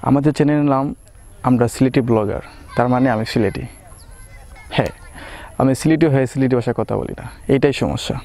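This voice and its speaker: A man's voice: medium pitch, brisk, long pauses, mellow. A young man from Bangladesh talking playfully to camera in a casual comic vlog. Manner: playful, mixes standard Bangla with Sylheti dialect. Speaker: vlogger.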